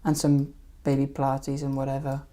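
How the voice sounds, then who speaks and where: A woman's voice: extremely low pitch, monotone, moderate pace, dark tone. A woman hosting a fishkeeping live stream, rambling casually and hesitantly over her old videos. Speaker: fishkeeping channel host.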